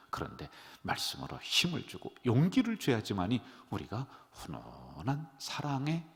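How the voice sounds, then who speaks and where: A middle-aged man preaching as a pastor, animated, leading his congregation in call-and-response. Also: medium pitch, vocal fry. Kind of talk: sermon. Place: church sanctuary. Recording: long church-hall reverb.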